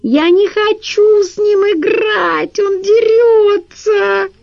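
A tearful, stubborn little girl wails her complaints in a piercingly high voice. The timbre sounds strained and far from the reader's own. The audiobook recording is dull and lo-fi. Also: measured pace, a little mellow. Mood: whining. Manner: shrill, wailing complaints.

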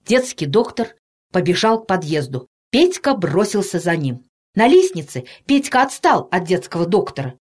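A woman narrating a children's story in an expressive, playful way. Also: lowish voice, moderate pace. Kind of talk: storybook reading.

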